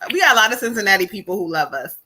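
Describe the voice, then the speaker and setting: Bright, loose-talking woman on a live stream. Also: mid-range voice, big pitch swings, very fast, slightly rough, low-quality recording. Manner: loose, laughing, swears, slangy. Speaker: tarot reader and co-host. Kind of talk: casual live-stream chat.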